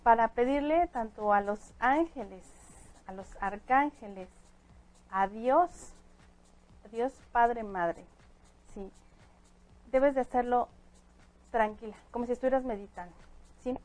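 Guest spot: fairly high-voiced woman, calm and explanatory, spiritual adviser. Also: takes it slowly, long pauses, rough recording. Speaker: guest angel reader. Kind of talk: casual chat.

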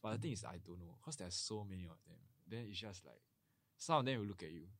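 A man's voice: low voice, animated, fast talker, a bit bright. A young man with a Singaporean accent, chatting in Singlish in a casual student discussion. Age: young adult. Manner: Singlish with local particles. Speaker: university student on a podcast.

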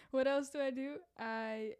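A woman hosting her first casual solo podcast, rambling and self-deprecating, with a rough voice that cracks and frequent laughs at her own jokes. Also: sits high, a little mellow. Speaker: podcast host and content creator.

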